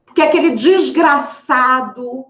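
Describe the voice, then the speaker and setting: Woman putting on a teary outraged patient lady, high voice, kinda dull audio. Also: slow, a bit bright. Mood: tearful indignant. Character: distraught crying woman patient, indignant. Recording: echoey room, slightly dull audio.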